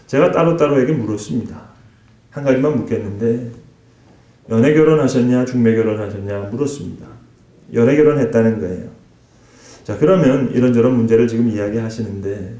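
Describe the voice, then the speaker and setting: A man's voice: medium pitch, dark tone. A male pastor preaching a sermon with rhetorical questions and acted-out quotes. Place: church sanctuary. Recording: echoey church hall.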